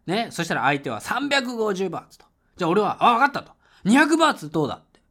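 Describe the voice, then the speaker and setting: A man host telling a casual travel story, laughing often and breaking into loud English shouts when he reenacts moments. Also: high-pitched, very animated, quick pace. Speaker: podcast host. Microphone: home mic voice message.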